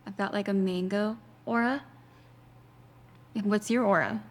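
A woman hosts a casual podcast chat in a mid-pitched voice. She reacts to her guest with quick gasps, exclamations and short questions. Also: fairly even intonation. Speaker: host.

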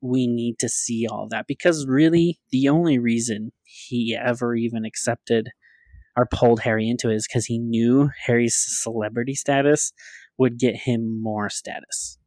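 A man co-hosts a casual fan podcast, speaking emphatically, repeating his points, and laughing often. His voice is medium-pitched and darkish, with fairly even intonation, a moderate pace, and no echo.

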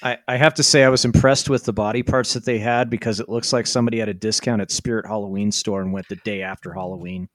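A man with a lowish voice chatting on a podcast about a cheap movie. He makes wry remarks and often stammers into his sentences, and the close mic sounds dry. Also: fairly even intonation, fast talker, few pauses, no echo. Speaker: podcast co-host. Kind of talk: casual movie recap chat.

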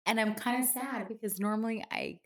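Middle-aged woman, hoarse and half-lost voice, chatty co-host, laughs and exclaims a lot. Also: on the high side, a little fast. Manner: laughs often, exclaims "oh my God". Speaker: podcast co-host, mother. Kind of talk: casual chat.

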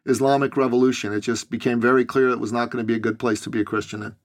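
A man from Iran hosting a casual podcast interview, easygoing and quick to laugh at himself. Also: mid-range voice, flat delivery. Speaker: podcast host.

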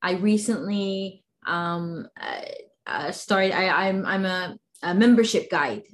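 A woman's voice: on the low side, big pitch swings, slow pace, a little hiss or hum. Enthusiastic woman guest, many fillers. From Sudan. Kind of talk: interview conversation.

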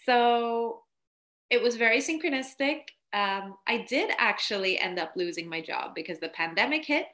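Bright-voiced chatty woman guest. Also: fairly high pitch, expressive, normal speed. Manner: chatty, laughs often, many "like" fillers. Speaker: podcast guest, spiritual coach. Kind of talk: casual storytelling interview.

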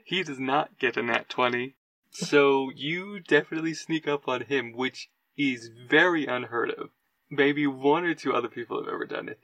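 Brief: animated male game master, gravelly, bright. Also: medium pitch, normal speed, dry recording. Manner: animated, laughs often. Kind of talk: narrating a tabletop game.

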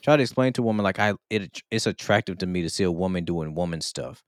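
Very deep laid-back male podcast host. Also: lively intonation, quick pace, no echo, clean studio sound. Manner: laid-back, says "bro" often. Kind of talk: casual chat.

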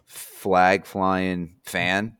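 A man telling a long, profane story on a podcast, with an animated, cursing manner. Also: sits low, extremely slow, smooth, dry recording, studio quality.

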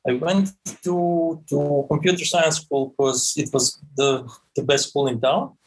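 A man's voice: on the high side, fairly even intonation, a little slow, poor audio. A man, a podcast guest who talks with many stammered restarts and repeated words. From Serbia. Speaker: guest, game creative director. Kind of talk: podcast interview.

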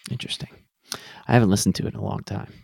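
A man's voice: lowish voice, steady tone, very fast, gravelly, darkish tone, breathy edge, no room sound, studio quality. A man chatting casually as a podcast guest, laid-back and self-deprecating, with lots of ums. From Western Pennsylvania.

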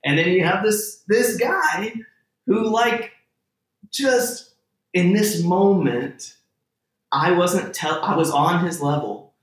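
A man from Texas, a theater-maker guest in a conversational interview, rambling with lots of "like" and restarts, getting animated as he tells stories. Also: high-pitched, slow, long pauses. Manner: rambling, heavy on "like", restarts often, grows animated telling stories. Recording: echoey room.

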